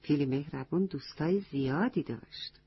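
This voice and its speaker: A woman reading a children's story aloud, gently asking the young listeners questions, in a dull lo-fi recording. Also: deep voice, breathy edge.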